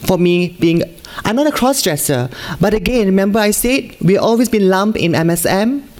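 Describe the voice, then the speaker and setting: A woman's voice: mid-range voice, animated, moderate pace, darkish tone. A middle-aged woman from Malaysia giving a conference talk at a podium microphone in a large hall, earnest and pleading, repeating phrases for emphasis. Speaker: conference speaker.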